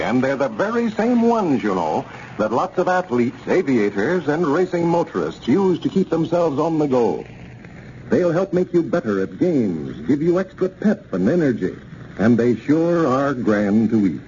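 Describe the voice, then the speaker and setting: A man's voice: medium pitch, a little mellow. A man in the manner of an old-time radio announcer, reading a scripted sponsor message and story introduction in a folksy way. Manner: folksy, addresses young listeners directly. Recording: dull, noisy old radio recording.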